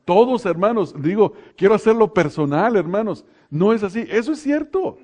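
A man's voice: high-pitched, lively intonation, normal speed, a little mellow. Joking pastor man preaching. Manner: folksy and joking, talks to the congregation directly. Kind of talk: sermon.

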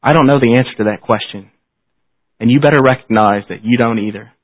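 A man's voice: mid-range voice, fast talker. A man preaching at a pulpit microphone in a church service, solemn and exhortatory, using repetition and pointed phrasing. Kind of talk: sermon at a pulpit microphone, closing in prayer. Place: church service, speaking to a congregation. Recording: slightly dull, band-limited sermon recording.

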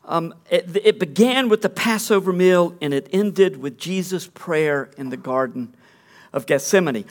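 High-voiced man preaching with jokes. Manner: joking, self-deprecating asides. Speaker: pastor. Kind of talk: conversational sermon.

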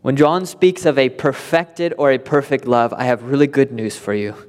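A man's voice: mid-range voice, moderate pace, a little mellow, in a large hall. A male pastor preaching a sermon in a conversational way, with light laughs between points.

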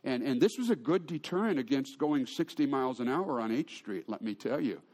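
A man's voice: mid-range voice, lively intonation, brisk, a little mellow. A man preaching a sermon, telling stories with humor and often restarting his sentences. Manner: storytelling with humor and frequent restarts. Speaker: pastor.

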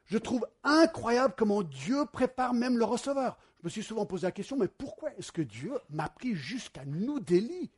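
A man, a pastor preaching a sermon and telling stories to his congregation in a lively way. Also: sits high, moderate pace, hardly any pauses, breathy edge. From United States. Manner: animated storytelling, addresses the congregation directly.

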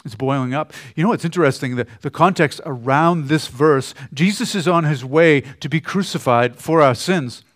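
A man preaching a sermon in a conversational way, often trailing off softly at the ends of phrases. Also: on the high side, moderate pace, few pauses. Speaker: pastor.

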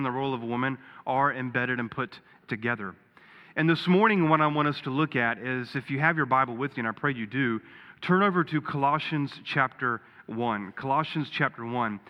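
A man preaching to his congregation in an earnest, folksy way. His voice rings with the long reverb of a church hall, and the recording sounds a little dull. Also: medium pitch. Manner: folksy storytelling with a joke, earnest. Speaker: pastor. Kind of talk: sermon. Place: church sanctuary.

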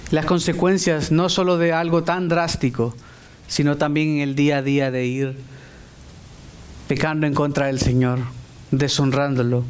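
Animated male preacher. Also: fairly high pitch, clear, resonant tone. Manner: animated, acts out quoted voices. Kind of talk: sermon.

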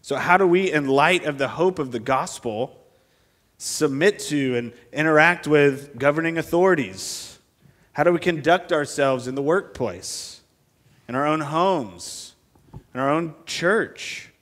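A man preaching from a pulpit microphone in a church sanctuary, his voice sitting somewhat high for a man. He talks earnestly and steadily, working through the text and putting question after question to the congregation. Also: expressive, measured pace, fairly bright tone, long reverb tail. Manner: earnest, asks the congregation many rhetorical questions. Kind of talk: expository sermon.

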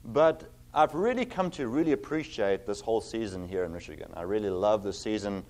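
His lowish, slightly mellow voice carries lively intonation as this middle-aged South African preaches as a visiting pastor. He speaks earnestly with many fillers and reads scripture with slow emphasis.

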